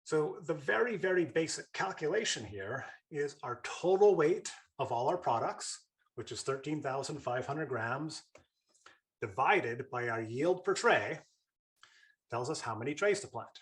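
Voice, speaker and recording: This webinar presenter's voice runs on the high side, animated yet unhurried. His online lesson is loose and conversational, peppered with fillers and restarts.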